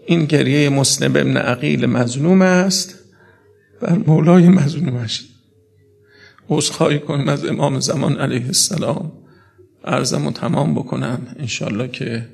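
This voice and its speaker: A man preaching a mourning sermon, talking straight to his listeners and rising into high, sobbing wails. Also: vocal fry, breathy edge. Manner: builds to high sobbing wails, speaks to the audience directly.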